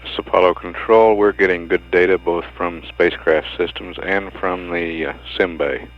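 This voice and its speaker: A man's voice: sits low, fairly even intonation, moderate pace. A man giving formal mission status announcements from mission control, heard through muffled broadcast audio with a hum. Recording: dull lo-fi broadcast with mains hum.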